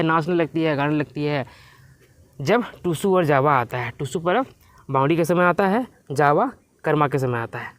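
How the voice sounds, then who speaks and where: A man teaching an exam-prep lesson, reading lyric lines slowly and then explaining them in plain words. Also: a little high, dry recording.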